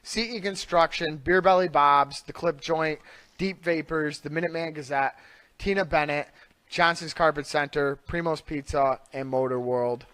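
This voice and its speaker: A man's voice: fairly high pitch, normal speed, fairly bright tone, clean tone, dry recording. A man hosting a casual podcast, rambling and stumbling over repeated words. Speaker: podcast host. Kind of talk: casual chat.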